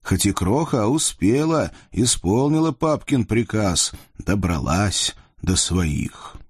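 A man narrating a folk-style storybook tale with a lilting, husky voice. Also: lowish voice, very animated, slow pace, dry recording, clean studio sound.

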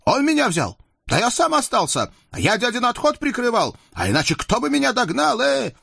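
A proud, hot-headed young horseman, as a man puts him on in a storybook reading, his voice lifted high and husky. He boasts and bristles. The sound is dry and close. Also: wildly swooping pitch, moderate pace, a bit bright, no echo, heavily acted. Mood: indignant. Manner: boastful, indignant.

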